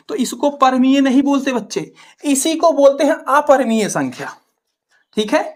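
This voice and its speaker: A woman's voice: a little high, a little mellow. A woman with a Hindi accent from Uttar Pradesh teaching maths. She asks questions, answers them herself and keeps checking with "ठीक है". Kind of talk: classroom-style explanation to students.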